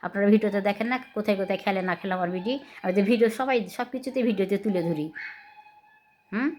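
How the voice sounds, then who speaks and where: A woman's voice: medium pitch, fast, a little mellow, slight background noise. A woman with a Rajshahi Bengali accent vlogging at home, telling viewers about a quarrel and repeatedly asking them whether she was wrong. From Bangladesh. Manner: aggrieved, repetitive, asks viewers to judge. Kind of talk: casual home vlog, talking to viewers.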